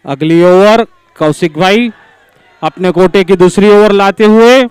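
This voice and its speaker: A man's voice: high voice, measured pace, a little mellow, smooth, no echo, a faint crowd. A man announcing scores and overs in live cricket commentary, with formal phrasing.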